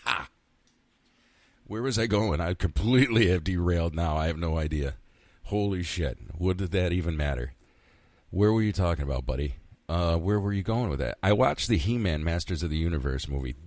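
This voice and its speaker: A man's voice: low-pitched, animated, moderate pace, darkish tone, dry recording. A man in his fifties from central New York, hosting a casual solo podcast, rambling and candid, swearing freely and talking to himself. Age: 50s. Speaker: podcast host.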